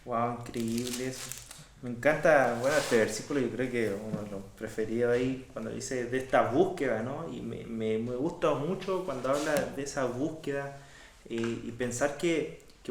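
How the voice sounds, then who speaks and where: A man leads a Bible study chat in an encouraging, rambling way, full of fillers and little "no?" tags. His voice sits at an ordinary pitch and echoes in a roomy space. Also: slight background noise. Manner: warm and encouraging, lots of fillers, reacts with wows. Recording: echoey room.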